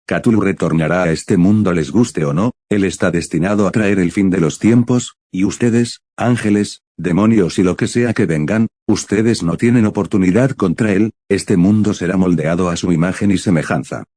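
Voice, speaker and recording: A man's voice: sits low, normal speed, few pauses, dark tone, dry recording, studio quality. A man voicing a deranged, fanatical cult priest in a fan story, grandiose and menacing like an evil emperor. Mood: deranged, mocking. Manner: grandiose, menacing villain proclamations.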